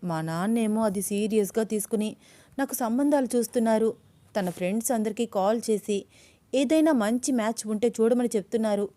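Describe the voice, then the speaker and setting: A woman's voice: a little fast, mellow, no room sound, close to an everyday voice. A woman voicing a young woman in love who is agitated and fiery, in an audio story. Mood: angry. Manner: shrill, agitated pleading.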